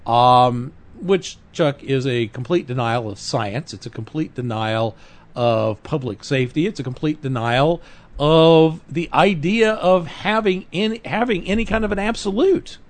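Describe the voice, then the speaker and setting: A man's voice: on the high side, measured pace. A man co-hosting a political talk podcast, speaking earnestly and emphatically, often correcting himself mid-sentence. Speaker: podcast co-host. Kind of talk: political talk radio chat.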